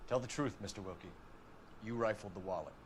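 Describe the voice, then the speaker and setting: An actor playing a brisk, stern 1940s American police detective in a crime video game, with clipped procedural delivery. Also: male voice, lowish voice, a little hiss or hum, natural voice. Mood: stern, accusing. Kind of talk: dramatic video game acting, period crime drama.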